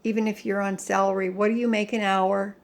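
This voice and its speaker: An older American woman giving a casual rant to viewers in a halting, emphatic, plain-spoken way. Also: mid-range voice, little pitch movement, creaky. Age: older, 60s or above. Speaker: home vlogger. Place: home kitchen.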